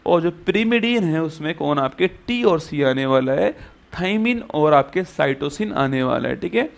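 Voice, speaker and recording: A man's voice: a little high, expressive, measured pace, vocal fry. A male teacher giving an exam-prep lecture who keeps repeating points and quizzing students with rhetorical questions.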